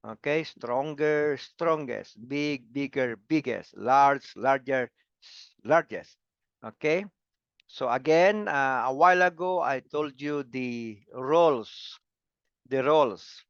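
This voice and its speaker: Slow, clear-voiced male grammar teacher. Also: medium pitch, dry recording, lo-fi sound. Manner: repeats words and syllables, asks "come again". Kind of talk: slow classroom lecture.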